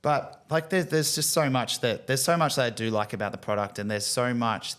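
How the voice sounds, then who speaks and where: A man's voice: medium pitch, fairly even intonation, a little fast, fairly bright tone, clear, resonant tone. A man hosting a podcast, talking conversationally with frequent restarts. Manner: conversational, lots of "you know" and restarts. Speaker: podcast host. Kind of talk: casual chat.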